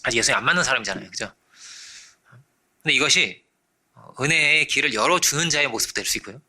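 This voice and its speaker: A man preaching a sermon as pastor, animated, often checking in with his listeners and acting out the voices in his story. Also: mid-range voice, quick pace. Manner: animated, acts out quoted voices; frequent rhetorical checks to congregation.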